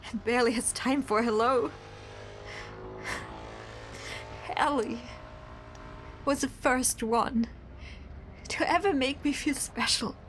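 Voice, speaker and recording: In a radio drama, an actress plays a volatile, obsessive young woman who speaks in a dramatic, defensive and sardonic way, sounding hurt and bitter. Her voice is slightly high with a fairly bright tone, and there is a little background noise.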